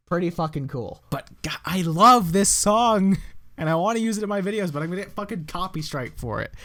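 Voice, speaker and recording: Looking back at his old videos, this young American YouTuber rambles along, mocks himself and swears offhandedly. He speaks a little high, with a somewhat bright sound, and he's from the United States.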